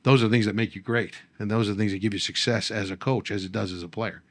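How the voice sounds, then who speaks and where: A middle-aged man who hosts the show and once coached, reflecting in a halting way and often repeating his words. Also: fairly low pitch, fairly even intonation. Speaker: podcast host, former coach. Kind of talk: reflective interview talk.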